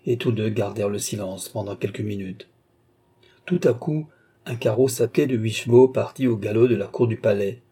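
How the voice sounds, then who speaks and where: A man reading a classic novel aloud in a steady, measured narration. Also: fairly low pitch, slightly rough. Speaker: audiobook reader.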